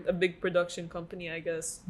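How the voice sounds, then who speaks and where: A man's voice: high-pitched, completely flat delivery, brisk, a little hiss or hum. A young man co-hosting a podcast, chatty and agreeable, often trailing off mid-thought. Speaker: podcast co-host. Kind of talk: casual chat.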